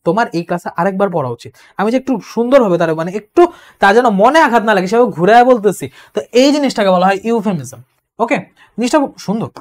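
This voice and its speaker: A woman gives an exam-prep English lecture, explaining patiently, repeating key points and reading example sentences slowly. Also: mid-range voice, lively intonation. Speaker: English tutor.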